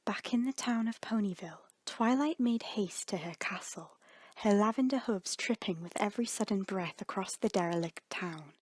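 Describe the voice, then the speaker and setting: With suspenseful, breathy endings to her phrases, a woman storyteller gives a dramatic reading of scripted fiction. Her medium-pitched voice moves at a moderate pace, with no room sound.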